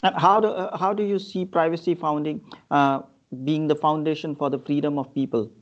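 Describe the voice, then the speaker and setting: A man's voice: on the high side, fairly even intonation, normal speed. A man hosting a podcast interview, asking curious, encouraging questions. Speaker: podcast host. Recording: dull lo-fi sound.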